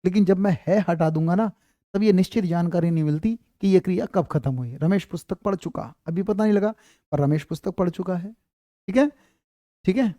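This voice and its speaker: A man teaching Hindi grammar in an online class, slowly repeating example sentences and speaking into a clip-on mic. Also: sits high, dark tone, no echo.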